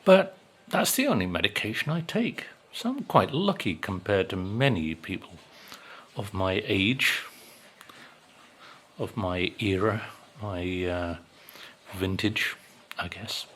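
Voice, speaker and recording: A man in his sixties talks to camera in an easy, rambling vlog, dropping wry asides between frequent ums. His delivery is unhurried and his tone is bright and forward. A faint hum of room noise sits behind him. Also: deep voice, big pitch swings. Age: 60s. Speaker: vlogger. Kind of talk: casual chat to camera.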